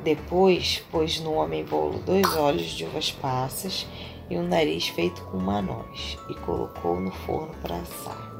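A woman's voice: sits low, animated, measured pace, vocal fry, over music. A mother reading a children's story aloud to her kids, playful and full of praise.

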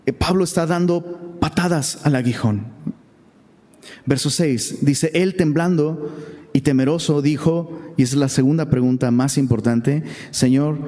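A man's voice: fairly high pitch, warm tone, long reverb tail. A man with a Mexican accent teaching a Bible study in a chatty, conversational way, often checking in with rhetorical questions.

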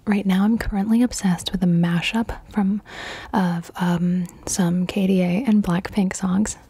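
A woman in her twenties from Colombia, whispering in a casual ASMR question-and-answer session, softly repeating words over and over. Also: mid-range voice, fairly even intonation, a little slow, breathy edge. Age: 20s. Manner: casual, swears freely. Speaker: ASMR creator.

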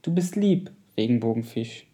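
A man's voice: medium pitch, lively intonation, moderate pace, mellow, lightly acted. A man voicing a small, timid blue fish in a storybook reading, speaking in an eager, pleading way. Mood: overjoyed.

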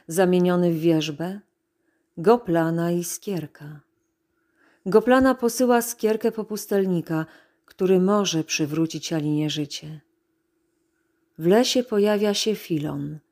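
A woman narrator reading a scene summary and cast list in a measured, announcing way. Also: on the low side, a little mellow.

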